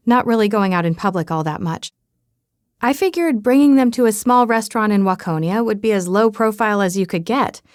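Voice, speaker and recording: A woman's voice: mid-range voice, a little mellow, no echo, clean studio sound. A woman narrating a romance audiobook in first person, reading dialogue expressively.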